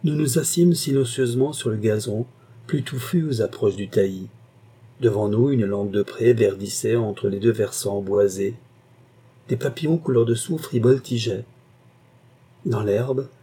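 A man narrating a classic novel in a measured, expressive reading. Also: mid-range voice, slightly rough. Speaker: audiobook narrator. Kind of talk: literary narration.

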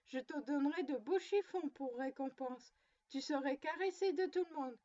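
Little girl playing mother, voiced by a woman, stern, scolding, high-pitched, muffled recording. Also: moderate pace, dark tone, lightly acted.

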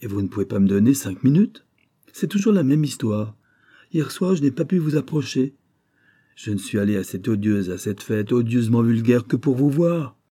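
A man's voice: medium pitch, expressive, moderate pace, dark tone, breathy edge. A man reading a blustering, jealous rich man. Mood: angry resentment. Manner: resentful, blustering and insistent. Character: jealous, bullying middle-aged rich husband.

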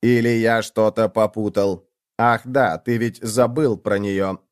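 A mocking, cold-hearted ship computer, scornful and needling in a smooth, resonant voice, as a man reads it out. Its tone sits in a middling register and sounds dry and close for an audiobook. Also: on the low side, steady tone, measured pace, no room sound, close to an everyday voice. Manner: needling, sarcastic interrogation.

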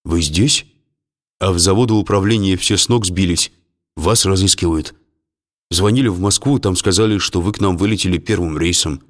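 A man's voice: low-pitched, moderate pace, lightly acted. A man voicing a nervous middle-aged factory lawyer who sounds flustered and jumpy. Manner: flustered and jumpy, dropping into whispers.

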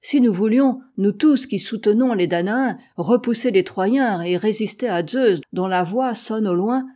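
A woman's voice: mid-range voice, measured pace, dark tone, close to an everyday voice. A woman reading the lines of an indignant queen goddess, urging another god to act.

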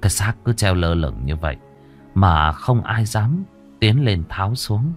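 Man narrating a ghost story with lively pitch. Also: unhurried, faint music behind. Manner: dramatic, vivid, lingering on grim details. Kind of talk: scripted horror story narration.

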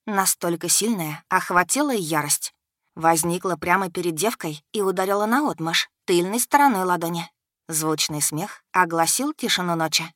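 Female audiobook narrator, measured, low-set voice, dry booth. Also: fairly bright tone, no echo.

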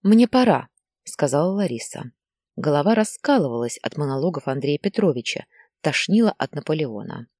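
Low-voiced woman reading a story. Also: lively intonation, a little mellow, no echo, clean studio sound. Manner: measured, literary storytelling. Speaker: narrator. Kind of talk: audiobook narration.

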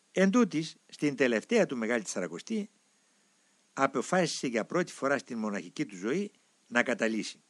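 A man narrating a memoir in a solemn, reverent and measured way. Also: mid-range voice, dry recording. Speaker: audiobook narrator.

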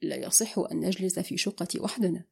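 A calm, guarded young man, voiced by a woman narrator in an audiobook novel. He speaks low and even, with a quiet bitterness under his control. The tone is dark and a little husky. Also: brisk, natural voice. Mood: cool, measured.

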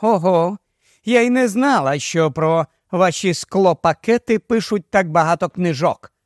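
A man reading an audiobook voices a sharp-tongued, sarcastic widow who works as a saleswoman, raising his voice for her. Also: high voice, expressive, a little slow, no echo, clean studio sound. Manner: biting, mocking.

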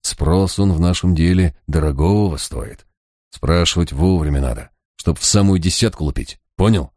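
A man's voice: deep voice, normal speed, a little mellow, dry recording, studio quality, lightly acted. A man reading an audiobook voices a brash, sardonic police chief who gives curt, mocking orders in street slang. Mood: brusque, lecturing.

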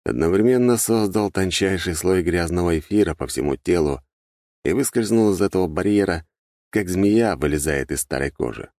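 Deep-voiced male audiobook narrator. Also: lively intonation, moderate pace, darkish tone, no room sound, clean studio sound. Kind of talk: first-person audiobook narration.

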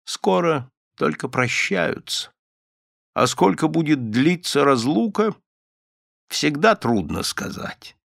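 A grasping old miser with a croaking, gravelly voice, as a male reader puts him on. He swings between sulking lows and sharp, raised outbursts, full of bitterness and spite. Heard dry and close, like a storybook recording. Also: big pitch swings, slow pace, no room sound, heavily acted. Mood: commanding.

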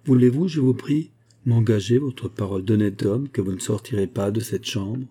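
A man's voice: fairly low pitch, moderate pace, warm tone, breathy edge. A man reading as a shrewd, courteous male musketeer captain who stays polite and evasive, in an audiobook.

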